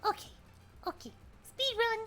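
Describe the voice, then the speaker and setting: An extremely high, cute anime girl streamer voice. She is shy and bashfully apologetic, with a sweet cutesy manner. She chats casually as she plays a game on a livestream. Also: measured pace, fairly bright tone, faint music behind. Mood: playful, pleading. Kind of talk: casual livestream chat while gaming.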